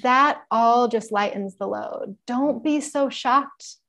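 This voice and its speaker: A woman chatting as a podcast guest, animated and laughing often, moving between bright emphasis and quiet reflection, with a mild case of the sniffles. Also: a little high, slow, vocal fry. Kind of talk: casual conversational chat.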